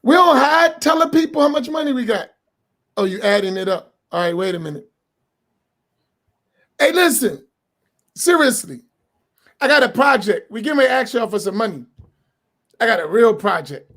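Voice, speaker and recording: Animated joking man on a live panel. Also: sits high, brisk, pauses often. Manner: animated, joking, preachy, slangy. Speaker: imam on a live roundtable show. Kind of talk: casual livestream talk.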